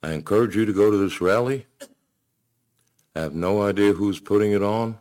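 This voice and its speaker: A man preaching a sermon to his congregation, measured and emphatic, with pauses. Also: fairly low pitch, darkish tone. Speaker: pastor.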